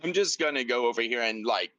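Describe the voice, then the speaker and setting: A man playing a tabletop game over voice chat, talking in halting, rambling bursts full of fillers as he describes what his character does. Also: mid-range voice, expressive, bright, forceful tone, dry recording, low-quality recording. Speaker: player.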